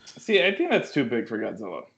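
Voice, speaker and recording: A man co-hosting a casual podcast, quick and joking, often jumping in with questions. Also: mid-range voice, wildly swooping pitch, creaky, fairly bright tone, slightly rough, muffled recording. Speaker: podcast co-host. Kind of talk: casual chat.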